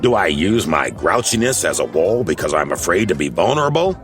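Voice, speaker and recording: Grumpy little storybook smurf played by a male narrator, melodramatic, needy, very animated pitch. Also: fairly quick, soft background music. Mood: earnest confiding. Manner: melodramatic, pleading.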